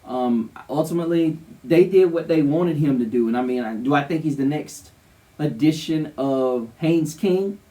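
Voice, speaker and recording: A man's voice: on the high side, moderate pace, dark tone, recorded from a distance. A man co-hosting a sports show, giving casual, emphatic, opinionated commentary. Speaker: co-host of a college football show.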